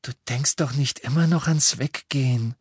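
A man's voice: mid-range voice, moderate pace, darkish tone, slightly rough, no room sound, pitched above the performer's own voice. A man voicing an anxious, insistent young witch in an audiobook, urgent and worried.

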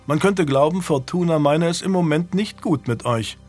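A man's voice: on the high side, normal speed, a little mellow, breathy edge, faint music behind, pitched above the performer's own voice. A man reading an audiobook voices a young medieval lord who speaks in a mocking, cutting way. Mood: sardonic. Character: young medieval lord, sharp-tongued and protective.

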